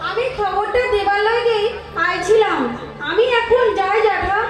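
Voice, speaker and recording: A woman playing an excitable young village newsbearer, telling things in a singsong Eastern Bengali accent on stage. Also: very high-pitched, measured pace. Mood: matter-of-fact. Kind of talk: melodramatic stage acting. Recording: very echoey, music behind.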